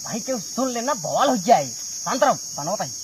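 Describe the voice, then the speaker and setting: Casting: male actor as commanding village pal, Awadhi accent, very lively pitch, comedy skit with clear insect noise outdoors. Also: normal speed, recorded from a distance. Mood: bossy, hushing. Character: bossy village drinking buddy, loyal to his friend. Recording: noisy outdoor recording with insects.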